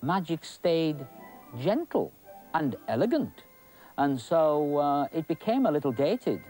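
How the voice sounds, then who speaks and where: An older man reminiscing in an interview, thoughtful and hesitant, often pausing to find his words. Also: on the high side, sing-song, mellow, soft background music, poor audio.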